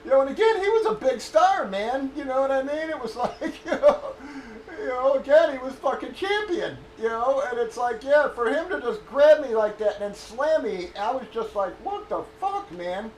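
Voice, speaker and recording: A man with a high-set voice chats loosely and profanely, stalling and circling back as he hunts for a name. He sounds like he is in an echoey room. A faint hum of ambience sits underneath. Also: animated, normal speed, hardly any pauses, darkish tone. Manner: profane, storytelling, trails off searching for names. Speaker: streamer. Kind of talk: casual rambling chat.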